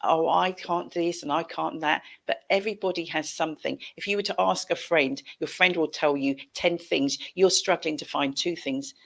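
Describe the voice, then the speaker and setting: Speaking from indoors at home through a headset on a video call, a middle-aged British host runs a casual chat. Her deep voice has vocal fry and a moderate pace, with hardly any pauses, and she's encouraging and emphatic, repeating phrases for emphasis.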